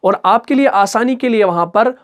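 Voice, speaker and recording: A man with an Urdu-speaking accent teaching Quran recitation rules step by step, asking questions and answering them himself, and chanting example words slowly with drawn-out syllables. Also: high-pitched. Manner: patient, repeats each example slowly. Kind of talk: step-by-step tajweed lesson.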